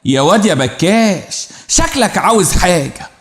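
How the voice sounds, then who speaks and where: A man's voice: sits high, big pitch swings, normal speed. A man putting on a scoffing Egyptian woman. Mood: teasing. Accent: Egyptian Arabic. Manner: sly and scoffing. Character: teasing, mocking earthy Egyptian woman. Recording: roomy echo.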